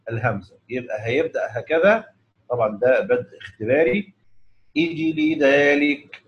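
Egyptian man teaching Quran recitation. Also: mid-range voice. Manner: explains in colloquial speech, then chants the verses slowly and drawn out. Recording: dull lo-fi recording.

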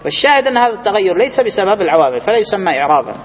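Male teacher, high voice, quizzes the class as he explains, muffled recording with a long hall echo. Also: very animated, rapid-fire. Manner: explains step by step, quizzing students with questions. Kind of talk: classroom grammar lesson. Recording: reverberant room, muffled, faint hiss.

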